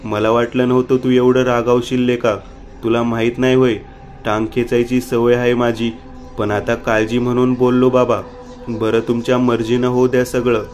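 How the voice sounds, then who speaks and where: Man voicing rustic village friend, flat delivery. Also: mid-range voice, normal speed, a little hiss or hum, lightly acted.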